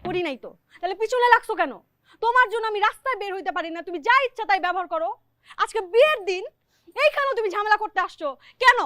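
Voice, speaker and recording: An actress playing a young bride who confronts a man in a sharp, exasperated way. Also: high voice, expressive, a little fast, long pauses, no room sound. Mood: angry. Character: young bride, fed-up and firm. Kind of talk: TV drama acting.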